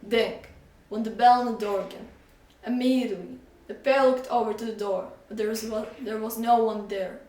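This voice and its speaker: A woman reading a children's storybook aloud with an expressive, animated delivery. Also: fairly high pitch, a little fast, few pauses. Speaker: reader. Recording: echoey room, voice from far off.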